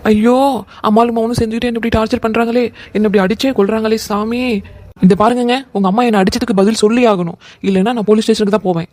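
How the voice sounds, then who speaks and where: A voice actor playing a young new wife in a cartoon comedy, wailing complaints and loud threats. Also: medium pitch, steady tone, fast talker, no echo, natural voice. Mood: dramatic.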